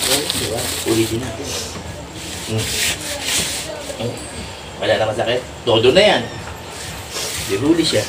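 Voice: medium pitch, measured pace, long pauses. A faith healer questioning a spirit during a healing session, sternly asking the same short questions again and again. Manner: stern, repeated prodding questions. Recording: echoey room, recorded from far off, loud background noise.

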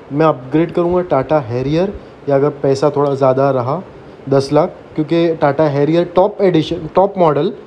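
A man's voice: fairly high pitch, muffled recording. A man, giving a casual, conversational car walkaround and mixing in English words. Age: 20s. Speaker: car review vlogger. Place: outdoor used-car lot. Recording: outdoor background noise, traffic ambience.

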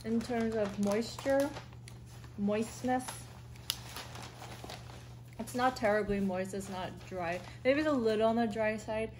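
A woman's voice: fairly high pitch, takes it slowly, pauses often, darkish tone, slight background noise. A young woman reviewing snacks casually with her mouth partly full, hesitant and full of fillers.

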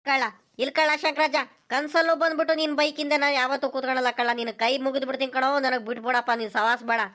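Woman playing a fast-talking, complaining old village headman, cartoon. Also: high voice, level tone, a bit bright. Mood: pleading. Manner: complaining, exasperated. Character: grumbling older male village headman. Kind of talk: cartoon voice acting.

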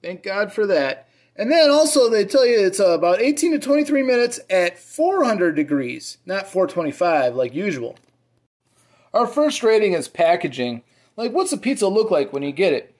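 A man in his forties hosting a home pizza review show from his dining table. He talks in an easygoing way, asks his son questions, and fills pauses with ums and likes. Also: high voice, big pitch swings. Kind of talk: casual food review chat. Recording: roomy home echo.

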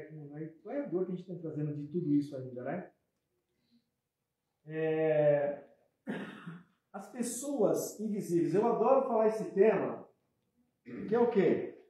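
A man with a Brazilian accent giving a spiritual lecture, conversational, with soft asides and loud emphatic bursts. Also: fairly high pitch. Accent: Brazilian Portuguese. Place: hall at a spiritist center. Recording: echoey hall.

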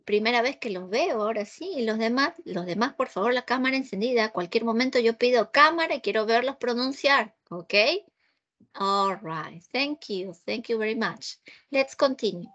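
A woman's voice: on the high side, animated, moderate pace, fairly bright tone, highs cut off. A woman with a Peruvian Spanish accent teaching English over a video call, patiently repeating herself and checking that students understand. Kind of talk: online class, mixing Spanish and English.

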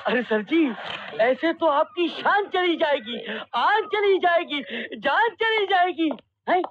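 An actress playing a fawning police constable in an old Hindi film, flattering in a sing-song way. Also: female voice, extremely high pitch, takes it slowly, a little hiss or hum, heavily acted. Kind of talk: 1990s Hindi film acting. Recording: dull old film soundtrack.

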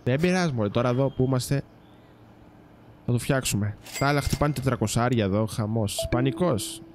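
A man's voice: mid-range voice, darkish tone, slight background noise. A man giving casual let's-play commentary, chatting to viewers and teasing the game's characters. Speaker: gaming YouTuber.

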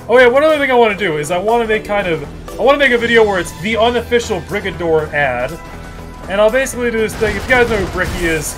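A man giving excitable, swearing commentary while playing a video game, game music behind him. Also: high voice. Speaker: gaming video creator.

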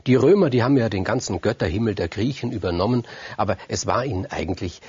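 This man's voice sits fairly low, with lively intonation, a quick pace, and a slightly mellow, husky quality. He's a storyteller giving a loose spoken retelling of Greek myths, chatty in manner, stressing points by repeating words and addressing his audience head-on. The sound is lo-fi with no echo.

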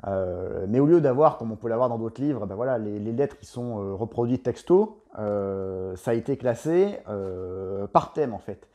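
A man in his thirties giving a relaxed book review to camera at home, talking hesitantly with many fillers into a lapel mic. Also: lowish voice, moderate pace, few pauses. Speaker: investing blogger and author. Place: home room with bookshelves, indoors.

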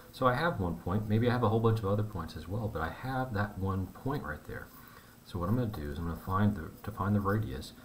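A man teaching a math lesson, explaining step by step in a relaxed, conversational way. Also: deep voice, a little hiss or hum.

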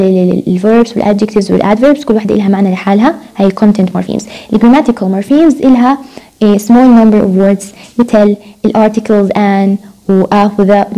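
Mellow-voiced woman lecturing. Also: mid-range voice, low-quality recording. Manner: mixes Arabic and English, repeats key words. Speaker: university lecturer. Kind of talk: recorded lecture explaining phonetics.

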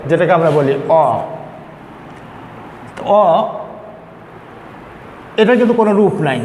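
A man giving a classroom lecture, explaining slowly and repeating example words. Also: high voice, slight background noise. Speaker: teacher. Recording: echoey room with faint ambience.

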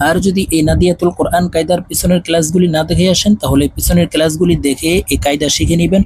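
A man with a Bangladeshi Bengali accent teaching Quran reading, spelling out Arabic letters and syllables slowly for learners to repeat. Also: on the high side, level tone, darkish tone, husky, no room sound, poor audio. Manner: slow, drawn-out recitation of syllables.

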